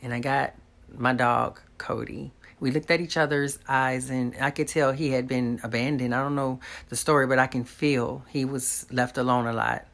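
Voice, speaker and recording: A woman's voice: a bass voice, steady tone, normal speed. Earnest woman sharing a personal testimony. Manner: earnest, talks straight to viewers, faith-filled. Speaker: vlogger. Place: small room at home, indoors.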